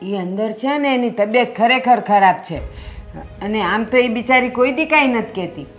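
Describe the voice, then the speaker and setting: An actress playing a kind, protective older mother who speaks gently and pleads with her family, in a family drama. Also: a little high, animated, moderate pace, faint music behind, lightly acted.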